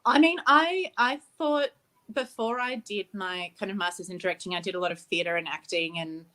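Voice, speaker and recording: A young Australian woman whose first language is Ukrainian speaks at medium pitch and a moderate pace. She's a film director discussing her work as an interview guest, and she comes across as warm and reflective, laughing easily and restarting phrases.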